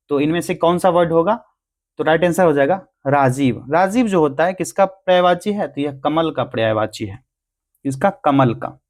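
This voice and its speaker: In an exam-preparation grammar lesson, a man with a somewhat high voice works through each answer step by step. He asks questions and then answers them himself.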